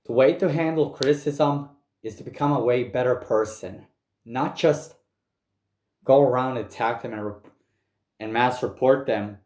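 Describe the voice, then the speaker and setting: A man ranting in commentary, angry and profane, halting with frequent restarts. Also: medium pitch, darkish tone, reverberant. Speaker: commentary youtuber.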